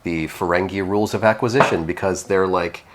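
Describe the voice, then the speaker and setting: Man, very deep voice, casual podcast chat, rambling, restarts often. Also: brisk. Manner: relaxed, rambling with repeated restarts. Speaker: podcast co-host, piercing educator.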